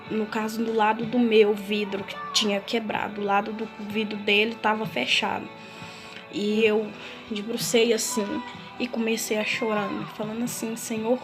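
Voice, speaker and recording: A woman with a Brazilian Portuguese accent giving an emotional personal testimony, telling it earnestly and haltingly, often restarting her sentences. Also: a little high. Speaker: testimony speaker. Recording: music playing clearly behind.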